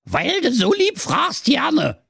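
A man doing a shrill old witch. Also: huge pitch swings, slow pace, gravelly, a bit bright, no room sound, studio quality, heavily acted. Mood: sweet. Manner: shrill, cursing, indignant. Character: cheeky foul-mouthed old female witch.

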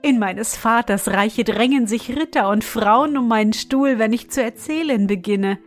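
A woman's voice: a little high, a little slow, faint music behind, lightly acted. A woman voicing a proud young princess who laughs and boasts, with a touch of mockery, in a storybook reading. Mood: merry. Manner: bright, merry, a little mocking.

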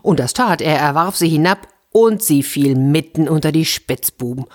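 A woman storyteller reading a children's story in a gentle, lively way with playful repetitions. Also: low voice, normal speed.

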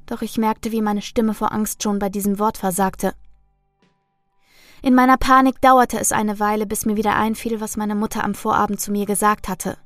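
A woman reading a first-person ghost story aloud in a measured, suspenseful way. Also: medium pitch, no room sound, clean studio sound. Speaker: storyteller reading listener stories.

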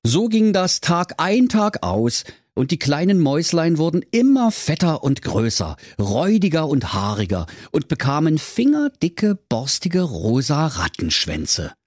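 A man tells a comic fairy tale in a mock-solemn storybook tone. His pitch is wildly animated. The sound is dry and close. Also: unhurried, few pauses, no echo.

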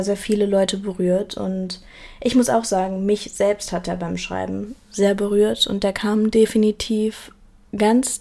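A woman's voice: mid-range voice, mellow. A young woman hosting a solo talk, speaking earnestly and reflectively, often restarting and repeating words. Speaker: podcast host.

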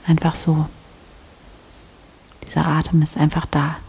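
A woman leading a guided prayer meditation, speaking softly and often in a half-whisper with calm instructions. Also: deep voice, measured pace, vocal fry, slightly rough. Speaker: prayer leader.

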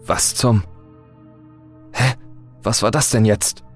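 A man voicing a panicky young male gang member who shouts in fear during a horror story. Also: sits low, takes it slowly, faint music behind. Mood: baffled. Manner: shouting, frantic.

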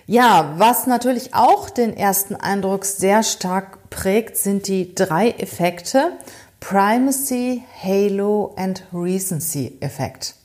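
A woman's voice: medium pitch, slow, darkish tone. A woman hosting an educational podcast, talking straight to the listener and asking many rhetorical questions. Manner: speaks directly to the listener. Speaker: podcast host.

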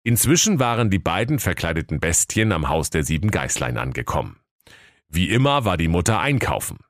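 A man narrating a comic fairy tale for children in a mock-solemn, lively storytelling manner. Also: low voice, fairly quick, slight background noise.

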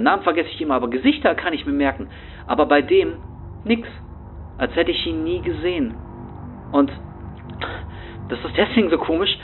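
A man's voice: on the high side, a little hiss or hum. A man playing a rattled young homeless man who rambles anxiously in street slang, as a first-person horror story monologue. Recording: tinny phone-like sound.

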